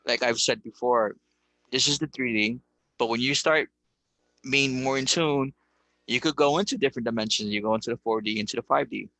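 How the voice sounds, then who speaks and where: A man's voice: mid-range voice, brisk, sharp tone, no echo, poor audio. A man giving a casual livestream lecture on spirituality, talking in an emphatic, preachy way, repeating rhetorical questions and swearing casually.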